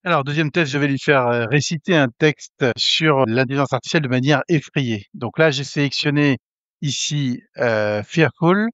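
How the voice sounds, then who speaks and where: Man, tutorial host, hesitant, filler-heavy, excitable, dry close sound, slightly dull lo-fi recording. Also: mid-range voice, normal speed, dry recording. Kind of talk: casual screen-recorded tutorial.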